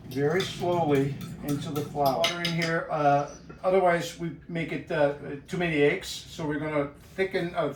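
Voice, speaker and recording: A middle-aged man with an Austrian accent, a chef walking through a cooking demonstration in a relaxed, instructive way with many "uh" fillers. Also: a little high. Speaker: guest chef. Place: home kitchen. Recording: echoey kitchen from far off, faint hiss.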